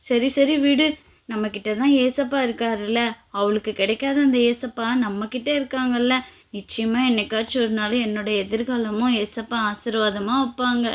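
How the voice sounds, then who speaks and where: A woman voicing a young stepdaughter who pleads and cries in a high voice, in an amateur family drama. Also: steady tone, normal speed, natural voice. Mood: tearful. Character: crying mistreated young stepdaughter girl.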